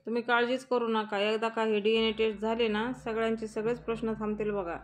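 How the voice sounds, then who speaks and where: A woman's voice: a little high, little pitch movement, brisk, lightly acted. A woman voicing a scheming young daughter-in-law who coaxes and plots in a story recap. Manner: plotting, coaxing.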